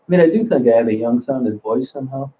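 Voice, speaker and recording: On a livestream, a sixty-something host talks fast in a mid-range voice while going through chat messages. His talk wanders, full of curses and sentences he abandons and begins again, all captured with thin, phone-quality sound.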